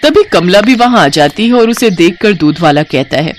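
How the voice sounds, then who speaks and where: A woman narrating a cartoon story in a steady, clear storytelling voice. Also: lowish voice, moderate pace, slight background noise.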